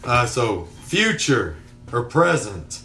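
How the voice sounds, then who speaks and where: A man's voice: medium pitch, sing-song, slow, pushed and bright. A young man co-hosting a podcast, joking, laughing and swearing in casual chat. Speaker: podcast co-host. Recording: roomy echo.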